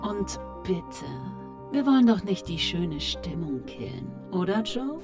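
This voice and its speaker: A woman's voice: fairly low pitch, big pitch swings, slow, over music. A woman playing a cool, seductive killer. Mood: teasing. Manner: languid, mocking, flirtatious. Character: teasing, seductive female killer, cool and self-assured. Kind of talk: noir audio drama acting.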